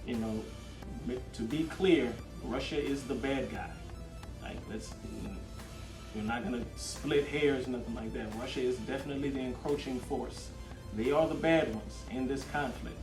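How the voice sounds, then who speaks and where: A man's voice: mid-range voice, moderate pace. A man hosting a casual podcast chat and giving plainspoken, blunt opinions. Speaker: podcast host. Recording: roomy, distant mic, music behind.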